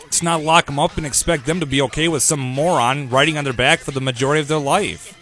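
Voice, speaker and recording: A man's voice: a little high, fairly even intonation, fast talker, a bit bright, faint music behind. A man hosting a talk radio show, ranting in a sarcastic, opinionated way.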